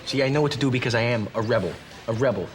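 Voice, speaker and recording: A man's voice: mid-range voice, rapid-fire, background noise, close to an everyday voice. A young man playing a swaggering, arrogant teenage boy who sees himself as a rebel, in a sitcom. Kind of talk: sitcom acting.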